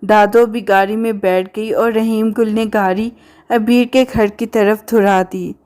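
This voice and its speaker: A woman narrating a romance novel in a steady, even storytelling manner. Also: medium pitch.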